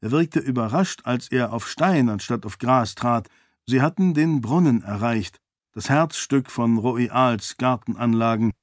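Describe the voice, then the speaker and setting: A man narrating a novel in a steady, even storytelling manner, recorded on a close mic. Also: medium pitch, measured pace, no echo. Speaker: audiobook narrator. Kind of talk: scripted narration.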